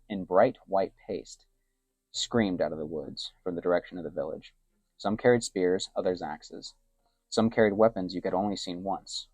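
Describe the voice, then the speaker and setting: In a soft, hushed storytelling manner, a low-voiced man narrates an adventure story, dropping to a whisper for the characters' thoughts. The recording is dry.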